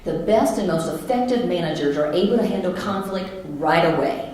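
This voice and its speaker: A woman's voice: lowish voice, moderate pace, over loud music. Middle-aged woman, motivational speaker, chatty storytelling, very echoey hall. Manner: lively, conversational, animated. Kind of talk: storytelling keynote talk.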